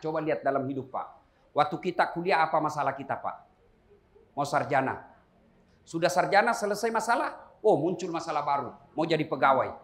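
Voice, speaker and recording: Man, middle-aged, preacher, humorous sermon, animated, quizzes the crowd, echoey hall. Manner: animated, jokes, swings between loud high emphasis and low asides, questions the audience. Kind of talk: humorous sermon to a live audience.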